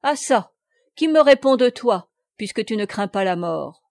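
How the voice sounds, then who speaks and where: A woman reading aloud, voicing a brash, imperious captain who gives loud orders. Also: a little high, animated, measured pace, no room sound, studio quality, pitched above the performer's own voice. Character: commanding man, a brash captain.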